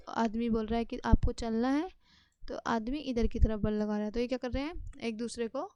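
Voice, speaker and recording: Dark-toned woman teacher explaining slowly. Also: fairly high pitch, clear, resonant tone, no room sound, low-quality recording. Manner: explains step by step, asks students rhetorical questions. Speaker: science teacher. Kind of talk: textbook lesson explanation.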